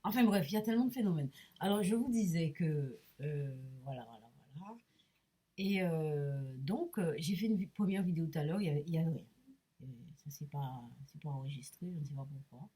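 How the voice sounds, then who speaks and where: A middle-aged woman telling about her experiences in a rambling personal vlog, hesitant and full of restarts, sometimes dropping to a soft murmur. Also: low-pitched, expressive, brisk, slightly rough. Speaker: medium vlogger. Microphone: camera mic.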